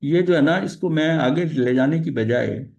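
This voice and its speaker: High-voiced man leading a study talk. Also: measured pace, vocal fry, a little mellow. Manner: conversational teaching, often with repeated filler phrases and restarts; mixes English terms into explanations. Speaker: spiritual study leader. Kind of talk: explanatory religious study talk.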